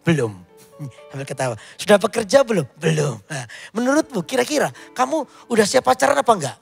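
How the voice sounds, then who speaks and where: A man preaches in a high, gravelly and husky voice. He tells stories in quoted dialogue and rises to emphatic points. Faint music plays behind him. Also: sing-song, brisk. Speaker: pastor. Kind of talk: sermon.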